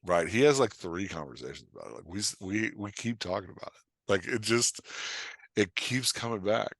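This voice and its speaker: In a dry recording, a man with a lowish, creaky, fairly bright voice talks at a moderate pace and with plenty of animation. He's a writing coach appearing as a podcast guest, chatting casually, stressing his points, repeating phrases and performing imagined remarks.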